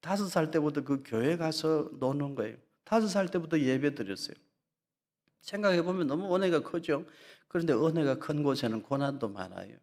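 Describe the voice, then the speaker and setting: A man, a pastor, preaching a sermon dramatically, drawing out emotional passages slowly and bursting into loud, high voices when he acts out mocking taunts. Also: expressive.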